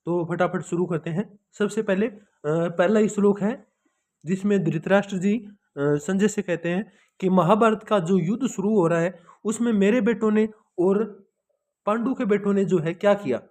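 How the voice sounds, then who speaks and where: A male Sanskrit teacher, reciting verses for children in a slow, measured chant. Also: high voice, darkish tone.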